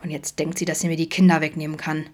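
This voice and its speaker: A woman voicing a guarded, introverted middle-aged father who mumbles in a low, quiet way, in an audiobook. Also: flat delivery, fast talker, natural voice.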